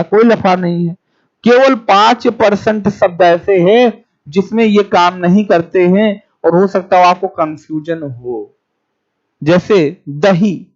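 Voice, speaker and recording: A man teaching an online exam class, speaking slowly and repeating key phrases for students to write down, and pausing to answer viewers' comments. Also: high voice, darkish tone. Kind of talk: live-streamed exam class. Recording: dull lo-fi sound.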